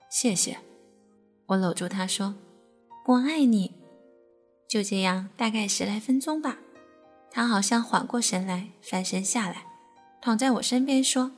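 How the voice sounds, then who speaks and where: A woman narrates an intimate story in a slow, soft, close voice. Her tone is breathy and sits at a middle pitch. Faint music plays beneath her. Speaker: radio storyteller host. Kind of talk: scripted erotic story narration.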